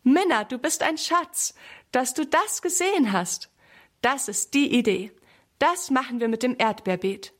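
A woman's voice: mid-range voice, takes it slowly. A woman voicing an eager, cheerful little boy in a read-aloud children's storybook. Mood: overjoyed.

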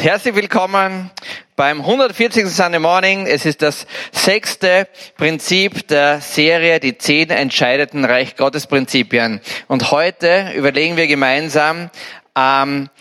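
A man with an Austrian German accent preaching a sermon, telling lively stories with jokes and acted-out quotes. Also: a little high. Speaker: pastor.

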